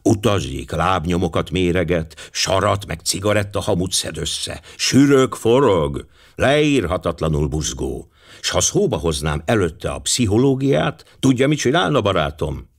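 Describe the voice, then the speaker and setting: A shrewd, fussy older detective, as a male audiobook reader puts him on, speaking in a lower voice with precise, gently ironic phrasing. His pitch swings a lot from line to line, and he stays dry and knowing. It is a storybook reading. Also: sing-song, full character voice. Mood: wry.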